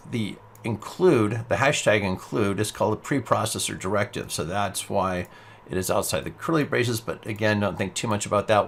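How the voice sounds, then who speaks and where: Patient male coding instructor, slightly low voice, walks through each step over soft typing. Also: vocal fry, background noise. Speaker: programming teacher. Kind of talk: screen-recorded coding tutorial.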